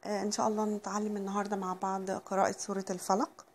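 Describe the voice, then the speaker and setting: A woman with an Egyptian accent teaching Quran recitation, explaining patiently and reciting words slowly and drawn out. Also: medium pitch, monotone, slight background noise. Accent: Egyptian Arabic.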